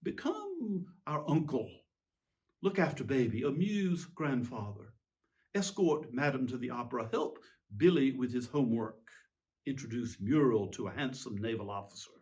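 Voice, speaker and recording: A man playing a petulant, self-justifying tyrant king in a theatrical, pompous, indignant monologue with emphatic pauses. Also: medium pitch, very animated, a little mellow, natural voice. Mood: mock pleading. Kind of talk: theatrical dramatic monologue reading.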